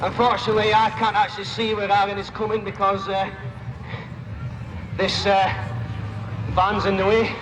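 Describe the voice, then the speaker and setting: High-voiced male stunt show announcer. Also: little pitch movement, moderate pace, pauses often, big-room sound. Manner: informal, jokey patter with hype calls. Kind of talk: live outdoor show commentary to a crowd. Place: outdoors at a live show. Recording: outdoor PA, crowd and vehicle noise. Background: crowd, vehicles and outdoor noise.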